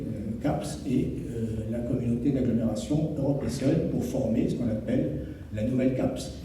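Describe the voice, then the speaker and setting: A municipal official introduces a public meeting in a formal, explanatory way, partly improvised, using measured and hesitant phrasing. His voice is medium-pitched with a dark tone. The echoey indoor meeting room is picked up by a distant mic, along with faint noise.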